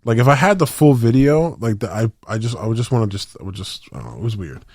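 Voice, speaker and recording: A man's voice: medium pitch, lively intonation, fast talker, a little mellow, dry recording, clean studio sound. A young man on a podcast, telling a story in rambling, slangy casual chat with lots of restarts. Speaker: podcast co-host.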